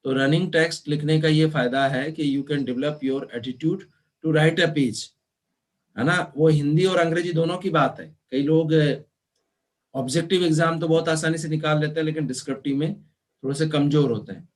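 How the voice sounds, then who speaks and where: A man teaching an online class, explaining slowly and spelling words out letter by letter, mixing in English terms. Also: on the high side, steady tone. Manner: mixes Hindi with English terms. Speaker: law teacher.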